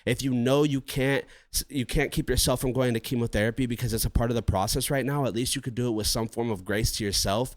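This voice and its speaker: A man co-hosting a casual podcast, talking in long rambling runs with plenty of swearing and bursts of animation. His voice sits at an ordinary pitch and sounds close and dry, with no room around it. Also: fast, hardly any pauses, no echo. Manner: rambling, profane and animated, acting out his inner voice. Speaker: podcast co-host.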